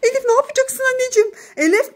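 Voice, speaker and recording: A mother filming a family vlog, excitedly narrating and scolding her daughter in a dramatic, exclamatory way. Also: extremely high pitch, racing. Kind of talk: dramatic play-acting narration for the camera.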